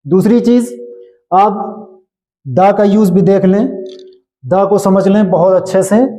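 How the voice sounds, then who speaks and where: A man teaching English grammar in Hindi, explaining slowly and checking often that his students follow. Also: high-pitched, dark tone, rough recording. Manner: repetitive, checks understanding often. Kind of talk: slow classroom explanation in Hindi.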